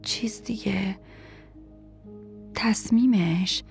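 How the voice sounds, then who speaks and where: A woman voicing an uneasy elderly grandfather who mutters in a hushed, hesitant way. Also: mid-range voice, steady tone, soft background music, natural voice. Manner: hushed, mumbling under his breath.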